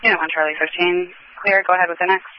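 A man on a police radio acting as dispatcher, giving quick routine acknowledgements in radio codes. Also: high-pitched, level tone. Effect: police radio transmission. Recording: dull, dry radio audio.

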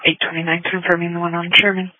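A police dispatcher speaks in quick, clipped call-and-response bursts over a police radio channel. The sound is thin and narrow, with a dead-dry, close quality. Every call is short and routine. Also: medium pitch, flat delivery, no echo. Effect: police radio transmission. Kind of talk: terse radio dispatch calls.

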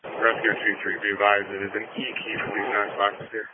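A man's voice: fairly low pitch, level tone, a little fast, phone-quality sound. A man on a fire rescue crew, reporting over a police and fire radio channel in clipped, procedural radio talk. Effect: police and fire radio transmission. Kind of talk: two-way radio traffic. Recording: static-heavy two-way radio.

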